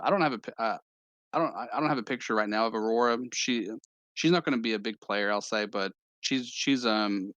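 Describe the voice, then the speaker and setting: Halting man narrating a tabletop game. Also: fairly low pitch, fairly bright tone, no room sound, highs cut off. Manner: halting, many fillers and restarts. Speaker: game master.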